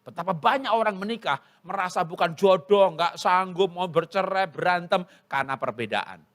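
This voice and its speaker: A middle-aged male pastor preaching a humorous sermon, telling lively stories and acting out dialogue at a church service. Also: sits high, moderate pace. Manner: lively storytelling, acts out dialogue.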